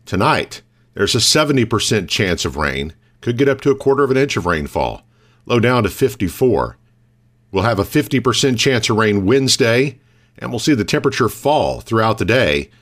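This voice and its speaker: A man's voice: lowish voice, very animated, moderate pace, fairly bright tone. An American man reading scripted local news as a radio morning host.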